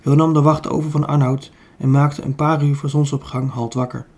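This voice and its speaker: A man's voice: fairly high pitch, level tone, moderate pace, a little mellow. Dutch man reading an audiobook. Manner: reads with small slips and self-corrections. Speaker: audiobook reader. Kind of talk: reading a children's book aloud.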